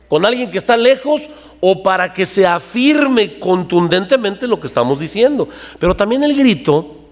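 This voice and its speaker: A man's voice: high-pitched, in a large hall. A man preaching a sermon to his congregation, talking conversationally and asking them rhetorical questions. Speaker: pastor. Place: church hall.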